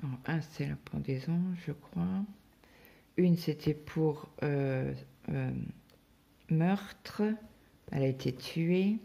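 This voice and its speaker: A woman's voice: low voice, slow pace, gravelly, pauses often, mellow. A woman from France chatting casually on her craft vlog, rambling through everyday stories with lots of fillers while getting over a stomach bug. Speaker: cross-stitch vlogger. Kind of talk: casual chat.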